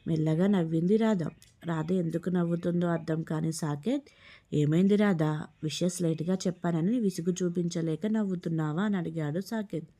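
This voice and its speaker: A woman's voice: on the low side, normal speed, dark tone. A woman narrating a family story, reading every role in her own voice.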